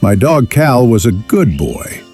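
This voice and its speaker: A man playing a rueful young outlaw drifter, narrating his rough life in a wry, folksy drawl with a gravelly voice. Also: medium pitch, sing-song, a little slow, a little mellow, soft background music. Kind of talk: scripted first-person western narration.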